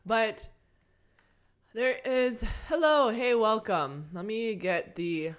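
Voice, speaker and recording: A woman's voice: fairly high pitch, slow pace, clear, resonant tone. A young woman chatting casually on a live stream, meandering and talking to herself while she eats breakfast at her desk.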